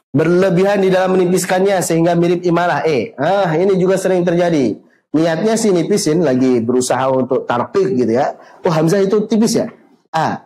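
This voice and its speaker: A man teaching Quran recitation rules online, asking questions and answering them himself, with slow drawn-out recited examples. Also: fairly high pitch, darkish tone, low-quality recording.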